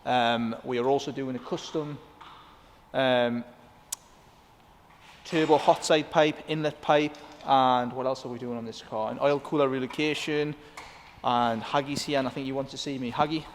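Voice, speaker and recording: A man's voice: mid-range voice, fairly even intonation, moderate pace. A man hosting a casual walk-around vlog inside a car workshop, chatting with the mechanics. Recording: echoey workshop hall with faint background noise.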